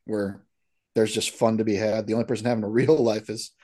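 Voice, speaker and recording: A man's voice: on the low side, level tone, fairly quick, warm tone. A man co-hosting a casual movie podcast, talking with enthusiasm and frequent restarts. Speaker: podcast co-host. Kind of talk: casual movie recap chat.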